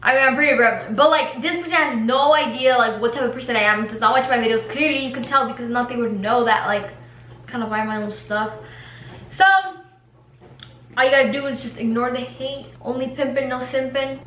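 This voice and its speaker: A teenage girl talks casually to her camera in a high, bright voice, slangy and full of "like". The room around her sounds roomy and echoey, with a faint hum behind. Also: a little fast. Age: teens. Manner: chatty, slangy, heavy use of "like". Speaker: vlogger. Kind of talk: casual mukbang chat to camera. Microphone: camera mic.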